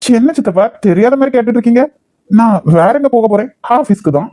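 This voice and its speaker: A man's voice: extremely high pitch, fast talker, warm tone, dry recording. A man voicing a stubborn young nephew in a cartoon, blunt and grudging, with a Kanyakumari Tamil accent. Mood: firm. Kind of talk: cartoon voice acting.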